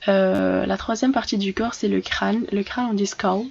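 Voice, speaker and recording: A woman's voice: mid-range voice, fairly even intonation, normal speed, vocal fry, darkish tone, muffled recording. A woman giving a casual vocabulary lesson, talking in a hesitant way with many fillers and restarts. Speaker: English teacher for French speakers.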